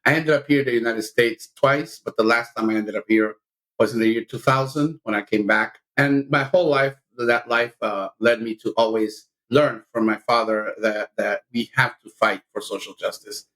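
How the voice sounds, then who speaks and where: On the podcast, this Salvadoran union leader, middle-aged, argues earnestly and passionately for justice. The voice is mid-range and steady at a normal speed, a touch bright, on a low-quality recording.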